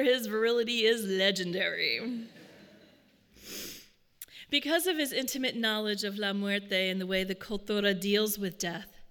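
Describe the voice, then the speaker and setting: A woman giving a prepared personal talk, telling stories in a measured, earnest way. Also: mid-range voice, a bit bright, long reverb tail. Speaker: speaker.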